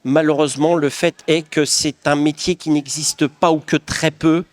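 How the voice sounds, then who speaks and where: This craftsman guest, a middle-aged man from France's Paris region, has a slightly high voice with a flat delivery at normal speed. He reflects earnestly on the interview questions, restarting often.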